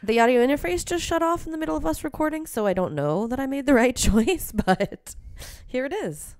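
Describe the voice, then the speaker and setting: A woman's voice: high-pitched, lively intonation, brisk, darkish tone, clean tone, no echo. A young woman co-hosting a podcast in casual chat, giggly and chatty, saying "like" a lot, on a close studio mic. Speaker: podcast co-host. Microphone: new studio microphone, close.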